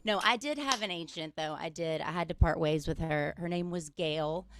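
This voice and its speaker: A woman's voice: low voice, fairly bright tone, slight background noise. A woman, telling self-deprecating comic stories as a guest comedian over a video call. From Mississippi, US. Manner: chatty, self-deprecating, quick asides. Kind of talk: stand-up style comic storytelling.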